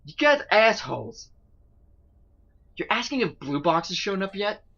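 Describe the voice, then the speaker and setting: A man's voice: high-pitched, big pitch swings, unhurried, creaky, bright, forceful tone, highs cut off, voice pushed up, full character voice. A man voicing a bossy, easily spooked young woman in a game, complaining shrilly and indignantly.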